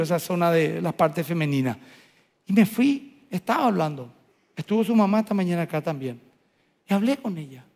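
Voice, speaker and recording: A male pastor delivers an animated sermon in a fairly high voice. He swings between loud, emphatic bursts and soft, hushed lines. The sound rings with the long reverb of a large church hall. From Paraguay. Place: church auditorium.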